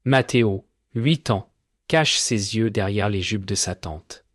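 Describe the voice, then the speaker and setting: A man narrating a fairy tale in a solemn, measured way. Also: fairly low pitch, dry recording, studio quality. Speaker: storyteller.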